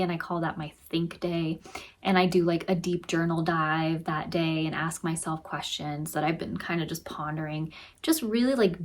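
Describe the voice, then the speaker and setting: A woman hosting a self-help video, talking casually and candidly to the camera with lots of fillers. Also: lowish voice. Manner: chatty, candid, says like a lot. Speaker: host.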